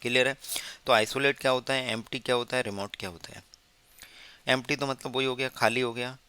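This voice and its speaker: A man with an Indian accent teaching exam vocabulary, spelling words out letter by letter and asking his students quick rhetorical questions. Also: mid-range voice, steady tone, sharp tone, clear, resonant tone, no room sound. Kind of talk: exam-prep lesson.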